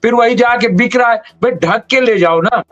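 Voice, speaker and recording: A man's voice: extremely high pitch, moderate pace, fairly bright tone, muffled recording. A man in a heated political discussion, explaining his view earnestly and persistently. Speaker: debate panelist.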